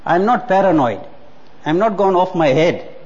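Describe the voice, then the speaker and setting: A man's voice: sits high, lively intonation, normal speed, a little mellow. A man, preaching a sermon earnestly and repeating words for emphasis. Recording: muffled hall with long reverb.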